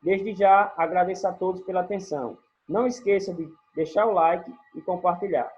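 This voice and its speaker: A teacher with a Brazilian accent giving a recorded online grammar lesson, explaining in a measured way and listing examples word by word. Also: mid-range voice, darkish tone. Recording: dull lo-fi recording with faint music.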